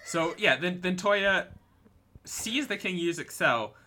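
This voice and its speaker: A man's voice: high voice, animated, slow pace, pushed and bright, a little hiss or hum. A man co-hosting a casual anime recap podcast, laid-back and joking as he rambles through the plot. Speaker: podcast co-host.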